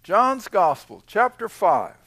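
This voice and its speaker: A man hosting an informal Bible study, folksy and conversational, slowing down when reading scripture to a small live audience. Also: sits high, very animated, gravelly, sharp tone, no room sound. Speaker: Bible teacher and host.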